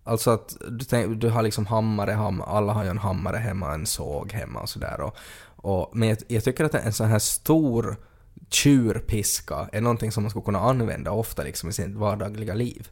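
A man with a fairly low voice co-hosts a casual podcast. He jokes around and spins playful, absurd riffs, laughing easily between his lines. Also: creaky, a little mellow, breathy edge. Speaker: podcast co-host.

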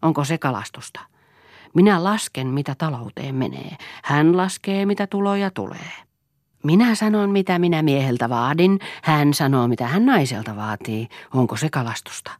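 Nainen lukee äänikirjaa ja esittää kiivasta, suorapuheista nuorta naista, entistä palvelustyttöä, joka tiuskii ja tinkii terävästi. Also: female voice, sits low, expressive, no room sound, studio quality. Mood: haggling. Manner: sharp, scolding and haggling. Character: fiery, blunt young woman, a former housemaid. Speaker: audiobook reader. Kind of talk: novel reading.

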